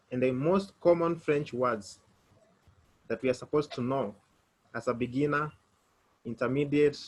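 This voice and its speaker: A man's voice: medium pitch, a bit bright. A man teaching a beginner French lesson online, spelling words out letter by letter.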